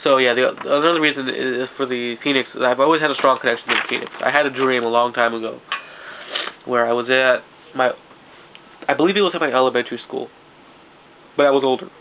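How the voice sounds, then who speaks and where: Brisk but broken by long pauses, the medium-pitched voice of a stuffy-nosed young vlogger stays fairly even in intonation. He rambles casually and keeps restarting what he says, on a dull, lo-fi home recording with faint hiss.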